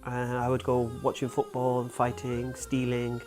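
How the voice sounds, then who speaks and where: Speaking at a moderate pace in a monotone, mid-pitched, slightly mellow voice, a forty-year-old Welsh-raised man shares stories from his life as a guest in a relaxed interview. He's plain-spoken and frank, with plenty of ums and uhs, and faint music plays underneath.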